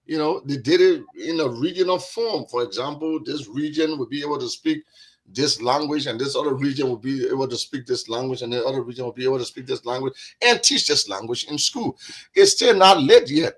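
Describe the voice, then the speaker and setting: Liberya aksanlı, boğuk sesli bir adam; podcast konuğu, ciddi ve kelimeleri tekrarlayarak konuşuyor. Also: male voice, mid-range voice, brisk, a bit bright, slightly rough. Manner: earnest, repeats words while building his point. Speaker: podcast guest. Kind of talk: discussion podcast.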